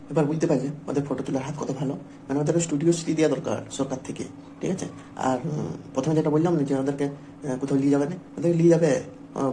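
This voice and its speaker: A man's voice: medium pitch, warm tone, slight background noise, low-quality recording. A man telling a funny travel story in a casual, joking, rambling way to his viewers. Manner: joking, rambling anecdote with local dialect words. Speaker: vlogger.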